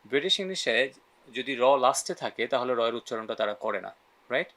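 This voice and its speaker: A man's voice: medium pitch, expressive, moderate pace, a bit bright. Guy teaching english sounds, repeat after me drills, keeps asking right?. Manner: asks frequent "right?" check-ins. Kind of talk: phonetics lesson in Bengali mixed with English.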